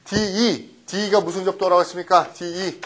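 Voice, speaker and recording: A middle-aged man teaching English vocabulary in a recorded lecture, often quizzing his students with quick questions and tag checks. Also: sits high, fairly even intonation, a bit bright. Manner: mixes English words into explanations.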